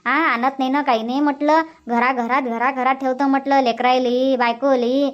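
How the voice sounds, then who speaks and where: A woman dubs a cartoon comedy, voicing chatty, sociable village women who gossip animatedly in colloquial rural Vidarbha Marathi with repeated phrases. Her voice is high and level, at a moderate pace, close to everyday speech, though the highs are cut off.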